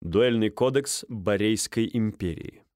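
A man reading a novel aloud as narrator, with an expressive delivery. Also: lowish voice, measured pace, no echo, clean studio sound. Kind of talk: audiobook narration.

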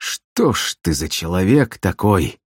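A man's voice: sits low, big pitch swings, unhurried, breathy edge, no echo, studio quality, full character voice. A man doing a groaning hungover minstrel. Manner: moaning, groaning complaints. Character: hungover whiny drunk male minstrel, middle-aged.

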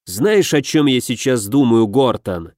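A man voicing a furious dog-headed senior legate who speaks in slow, low, growling threats. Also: animated, darkish tone, no echo, clean studio sound, natural voice. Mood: menacing.

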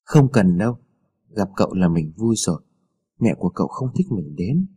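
A man voicing a daring but gentle young boy, speaking quietly and earnestly in a husky voice. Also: low-pitched, big pitch swings, moderate pace, voice pushed down, exaggerated voice.

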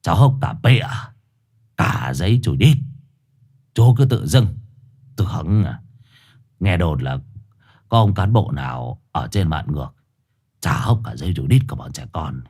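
A man's voice: sits low, very animated, normal speed, long pauses, darkish tone, breathy edge, voice pushed down, heavily acted. A man voicing a swaggering male village exorcist who teases coarsely and mockingly. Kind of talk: storytelling voice acting.

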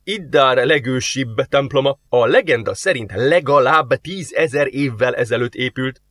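A man voicing a polite, formal male alien receptionist in an audiobook, measured and courteous. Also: medium pitch, a bit bright, no echo, close to an everyday voice. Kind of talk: audiobook character voice.

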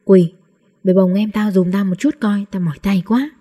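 A woman's voice: medium pitch, moderate pace, mellow, close to an everyday voice. A woman voicing a weary, tearful young girl who speaks aggrieved, as part of an audiobook reading. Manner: sobbing, aggrieved.

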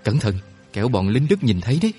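A man voicing a young male soldier, excitable and panicky, who speaks in loud, fast, alarmed outbursts. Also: medium pitch, soft background music, lightly acted. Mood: anxious.

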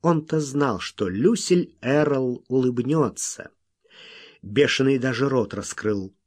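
A man narrating an audiobook in an expressive, unhurried way. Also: mid-range voice. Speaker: audiobook reader.

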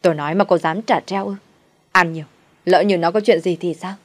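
Storybook mother-in-law, older woman, harsh and grief-stricken, scolds loudly and wails, put on by a low-voiced woman narrator. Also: steady tone, a little fast, no room sound, close to an everyday voice. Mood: scolding. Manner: scolding, wailing.

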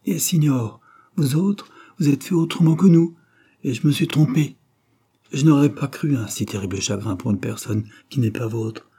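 A hard, unfeeling sea captain, put on by a male narrator, blunt and matter-of-fact in a storybook reading. The voice rides noticeably higher and louder than the narration, with a husky grain. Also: normal speed.

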